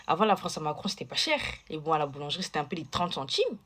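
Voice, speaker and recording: A woman's voice: low-pitched, big pitch swings, racing, background noise. A woman telling a casual story to camera, chatty and digressive, full of fillers and asides.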